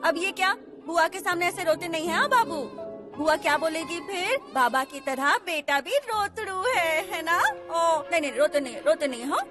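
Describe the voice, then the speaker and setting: An actress playing a young mother in a TV serial who soothes and coos to her crying baby in gentle baby talk, with background music playing. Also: high-pitched. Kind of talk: TV serial acting.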